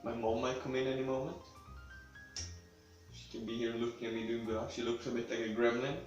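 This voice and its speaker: The home cooking host, a young Swede with a cold, rambles along, sniffles and swears casually while preparing food in his kitchen. He speaks fairly quickly with little pitch movement in a mid-range voice. The lo-fi recording is echoey and distant, with faint music.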